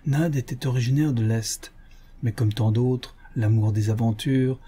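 Male audiobook narrator, measured and even reading, mellow dark tone, slightly husky; scripted narration. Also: medium pitch. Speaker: audiobook reader.

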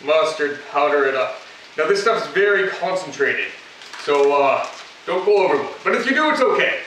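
A man hosts a casual cooking demo in his home kitchen, chatting the viewer through each step with joking asides. His slightly high voice is very animated and fairly bright, at a moderate pace. A camera mic across the room picks him up in the echoey kitchen, with slight background noise.

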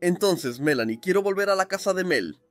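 A man narrating and voicing the lead of a dubbed game cartoon, animated and often exasperated. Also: high voice, a little fast, dry recording, faint music behind.

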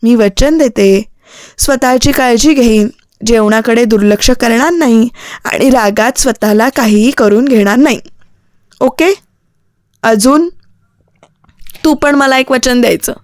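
A woman's voice: a little high, measured pace, long pauses, dry recording, clean studio sound, natural voice. Woman voicing a pleading young woman. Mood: promising. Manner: pleading, soft.

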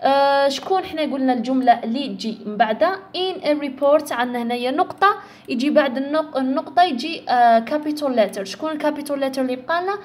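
A young woman with an Algerian Arabic accent, explaining an English exam step by step and slowly sounding out English words to show where the stress falls. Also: high voice. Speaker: English tutor. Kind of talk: exam-prep lesson.

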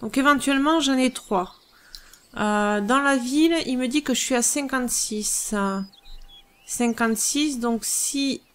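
A woman hosting a let's play, thinking aloud through strategy gameplay in a musing, hesitant way with many pauses. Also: high-pitched, fairly bright tone.

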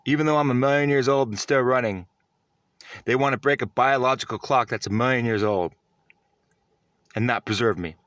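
A man's voice: mid-range voice, moderate pace, pauses often, a bit bright, dry recording. A man giving a self-recorded vlog monologue, earnest and rambling, often restarting his sentences. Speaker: vlogger.

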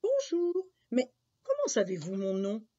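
A woman's voice: on the high side, huge pitch swings, measured pace, warm tone, dry recording, pitched above the performer's own voice, exaggerated voice. A woman voicing a bold, cheerful seven-year-old boy in an eager, bouncy voice. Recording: dull lo-fi recording.

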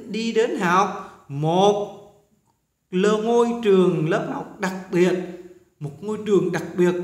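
A Vietnamese man teaching English pronunciation, repeating words slowly and coaxing his students along. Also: high voice, roomy sound. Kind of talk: pronunciation lesson.

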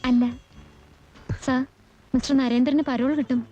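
An eager, flattering young woman. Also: high voice, a little slow. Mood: earnest. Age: young adult. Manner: respectful, flattering. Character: polite, eager young woman admirer of a writer.

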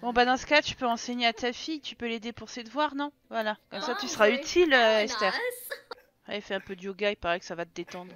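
A woman's voice: a little high, fast talker, crowd noise. A woman with a French accent giving casual, chatty commentary on her own Let's Play, teasing and scolding the characters on screen.

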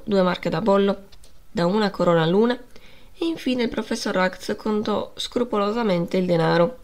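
A woman narrating a classic novel as an audiobook in a measured storytelling manner. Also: medium pitch, darkish tone.

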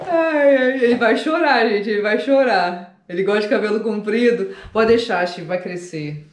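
A woman's voice: mid-range voice, normal speed. Giggly woman vlogging in an echoey room. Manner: chatty and giggly, often addressing viewers. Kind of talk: casual vlog talk to camera. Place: barbershop, then home. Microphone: phone camera held by others. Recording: echoey room, faint background noise.

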